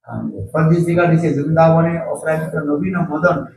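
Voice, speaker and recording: Man teaching in short halting phrases. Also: on the high side, gravelly, darkish tone, far from the mic. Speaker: spiritual teacher. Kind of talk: evening discourse translated line by line. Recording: roomy sound, speaking from away from the mic.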